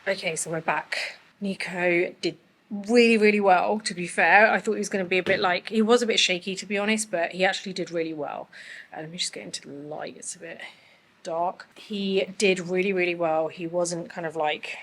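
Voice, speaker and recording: A woman's voice: on the low side, steady tone, brisk, a bit bright. A woman vlogging in a casual, chatty way, her voice a little worn and not fully back after being ill. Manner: informal and conversational, frequent checking tags like "you know". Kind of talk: casual chat to camera.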